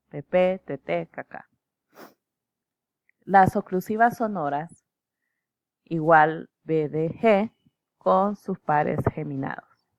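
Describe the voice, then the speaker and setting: Woman lecturer, low gravelly voice, dry dull lo-fi recording. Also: no echo. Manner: measured, explanatory, with fillers and "¿verdad?" checks. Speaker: teacher.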